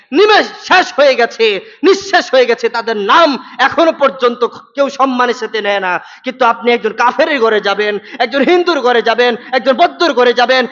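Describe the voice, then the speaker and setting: A man with a high, ringing voice preaches with fervour, pressing his listeners with pointed questions. His sermon echoes through a large mosque hall. The recording sounds dull and lo-fi. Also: pushed and bright. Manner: impassioned, rising to emphatic peaks, rhetorical questions to congregation. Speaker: mufti preacher. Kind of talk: Friday sermon.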